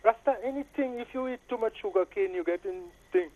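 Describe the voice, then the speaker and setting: Over a noisy call-in line, a man with a Saint Lucian Caribbean accent phones a live talk show and gives emphatic opinions in casual, patois-flavoured speech, often appealing to the listener. His voice sits high, warm and fairly quick, and the sound is lo-fi.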